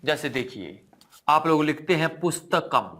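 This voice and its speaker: A high-voiced man with a Hindi accent teaches an online Sanskrit lesson with lively, swooping intonation. He speaks slowly and drills the class, repeating each key word as a question and answering it himself. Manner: asks the class "ठीक है ना?" again and again; drops to a low, quiet voice at times. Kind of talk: online exam-prep lesson.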